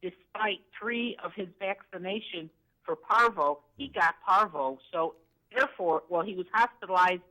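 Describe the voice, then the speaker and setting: Calling a vet show, this woman in her sixties sounds courteous but somewhat unsure, often saying "uh" and answering "yes, sir." She speaks at normal speed in a medium-pitched, sharp-toned voice over poor audio.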